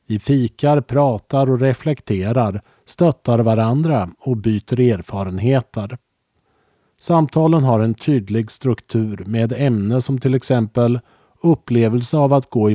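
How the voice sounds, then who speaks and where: A man reading a public service announcement in a calm, measured way. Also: medium pitch, no room sound, clean studio sound.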